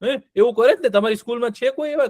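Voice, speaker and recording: A man telling a story to children, animated, asking them questions and repeating words. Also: very high voice, quick pace, dry recording.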